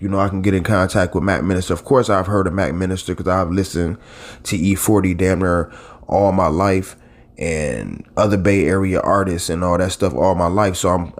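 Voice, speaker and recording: A YouTube blogger and channel host in his late thirties, with a voice that sits low, talks casually straight to camera. He addresses his audience at length in a rambling, conversational way, often restarting and digressing.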